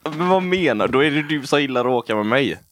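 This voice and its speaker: A man's voice: mid-range voice, animated, fairly bright tone, no room sound, clean studio sound. A young man bantering and teasing on a casual podcast. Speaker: podcast co-host. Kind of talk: casual chat.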